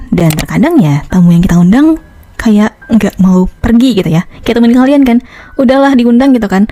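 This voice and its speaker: A young woman narrating a horror story in a casual style, with dramatic pauses and chatty slang asides to her viewers. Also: mid-range voice, dark tone. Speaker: YouTube storyteller.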